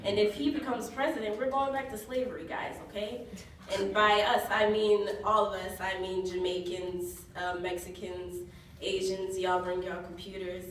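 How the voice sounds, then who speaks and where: A woman performing a stand-up comedy set, telling stories deadpan and often laughing at her own jokes. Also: medium pitch, normal speed. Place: comedy club stage. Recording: echoey club recorded from far off. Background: audience laughter and noise.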